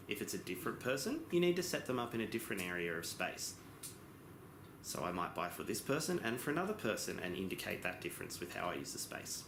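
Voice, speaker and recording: A low male voice delivers a simultaneous interpretation of a lesson, with lively swings in pitch. He explains phrase by phrase, pausing between them and sometimes correcting himself. The room is noticeably echoey. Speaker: interpreter giving voice-over for a sign language lesson. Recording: echoey room with background noise.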